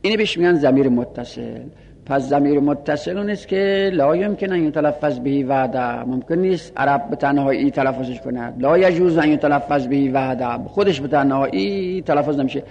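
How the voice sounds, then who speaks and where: A man teaching Arabic grammar in a seminary-style lesson, repeating each rule slowly and reciting Arabic phrases and pronoun lists. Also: on the high side, darkish tone, long reverb tail, lo-fi sound, a little hiss or hum.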